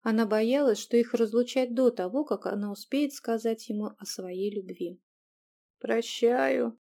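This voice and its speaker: Narrator: woman, calm, measured audiobook reading, fairly high, mellow. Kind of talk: scripted narration.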